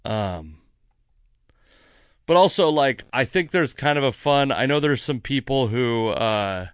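Slow and smooth, with lively intonation at a medium pitch, a slightly drunk American man delivers a loose podcast monologue on his own. He's a comedian who hosts the show, and he meanders, jokes at his own expense, and curses now and then; the studio sound has no echo.

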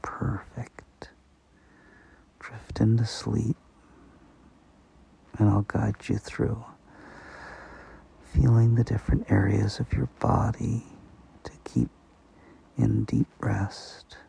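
A man softly guiding a sleep meditation, speaking slowly and slipping into whispers. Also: fairly low pitch, flat delivery, gravelly, breathy edge, low-quality recording. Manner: slow, soft-spoken, partly whispered. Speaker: meditation guide.

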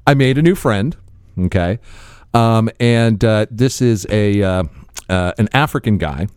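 A man co-hosting a podcast, telling a story in a rambling, animated way during casual chat. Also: on the low side, a little slow, clean tone, no echo, clean studio sound. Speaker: podcast co-host.

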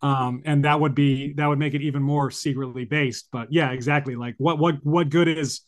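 Man, film analyst guest, wry, halting, slightly high voice, call mic. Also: steady tone. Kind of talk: casual chat.

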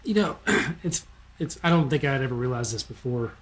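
A man's voice: medium pitch, lively intonation, normal speed. A man in casual conversation, recalling things in a rambling, unsure way with many fillers.

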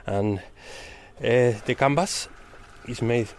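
A man's voice: mid-range voice, very slow, a little hiss or hum. A middle-aged or older man with a Spanish accent, explaining his craft in careful non-native English. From Spain. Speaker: bespoke tailoring undercutter. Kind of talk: explanatory interview answers.

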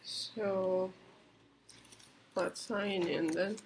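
A tired woman co-hosting a casual podcast outdoors, relaxed and giggly, murmuring to herself, recorded on a laptop's built-in microphone. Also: medium pitch, drawn-out words, heavy background noise. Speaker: podcast co-host. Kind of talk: casual chat. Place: outdoors in a public spot with people nearby.

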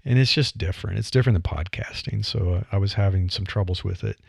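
A middle-aged Midwestern man, a podcaster and writer, talks casually about voice delivery in a reflective monologue, full of "you know" fillers and light laughs. His voice sits low and sounds gravelly with a breathy edge, and he talks fast. The recording is studio quality with no echo.

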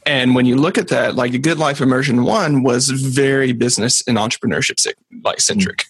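A man's voice: medium pitch, a little fast, a bit bright, husky, no echo. A man hosting a podcast, asking questions in a casual way and checking in with "right?". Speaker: podcast host. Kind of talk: conversational interview.

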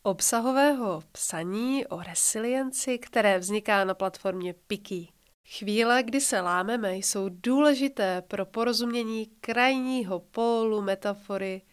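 A woman podcast host reading a book passage aloud with her own commentary, in a calm, measured voice that slows and softens for emphasis. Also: medium pitch, clear, resonant tone.

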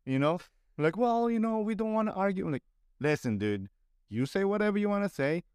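High-voiced and a little fast, this young podcast guest from the Philippines has lively intonation and a smooth, slightly mellow tone. With his Filipino accent he talks bluntly, curses, and mimics others in mocking voices, captured in clean studio audio without echo.

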